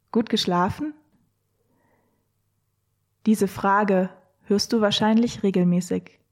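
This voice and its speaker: A woman guiding listeners on a scripted audio walk, speaking in a slow, dreamy, poetic way. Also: medium pitch, darkish tone. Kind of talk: scripted narration.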